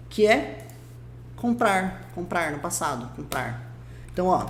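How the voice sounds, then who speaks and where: Animated Brazilian teacher in echoey room. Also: male voice, high-pitched, a little hiss or hum. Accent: Brazilian Portuguese. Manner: patient, repeats words slowly to model pronunciation. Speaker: English teacher. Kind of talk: online English lesson. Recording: roomy echo.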